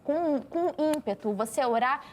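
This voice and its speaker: A woman's voice: sits high, animated, normal speed. A woman, a guest on a casual devotional podcast, speaking in an exhorting, encouraging, preacher-like way.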